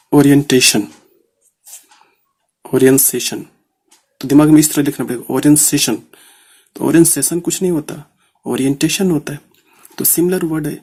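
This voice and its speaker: A man from India teaching shorthand in a casual lesson, repeating words slowly as he writes, with many fillers. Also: a little high, warm tone, slightly rough.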